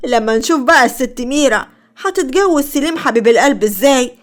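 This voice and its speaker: A woman's voice: high voice, lively intonation, quick pace. A woman with an Egyptian Arabic accent voicing a spiteful, gloating young woman.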